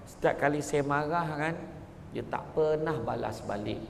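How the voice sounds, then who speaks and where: A man's voice: fairly high pitch, vocal fry, slight background noise. A man voicing a shy young bride who stammers and halts as she tries to explain why she married an older man. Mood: bashful. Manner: stammering, halting. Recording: echoey hall.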